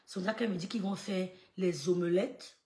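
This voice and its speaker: A woman telling a personal story in casual French, swinging between loud quoted lines and quiet asides, with stammers and laughs. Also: fairly low pitch, steady tone, brisk, roomy sound. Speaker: storyteller recounting gossip.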